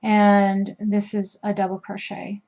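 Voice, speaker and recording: A woman giving a step-by-step crochet tutorial, talking slowly as she works and adding self-deprecating asides. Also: mid-range voice, completely flat delivery, dark tone, highs cut off. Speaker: crochet instructor.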